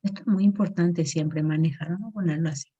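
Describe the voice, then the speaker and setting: Woman lecturer, low-pitched, explanatory online class, lo-fi call audio. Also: fairly even intonation, fast talker, dark tone, breathy edge. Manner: patient, explanatory, checks in with frequent tag questions. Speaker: teacher.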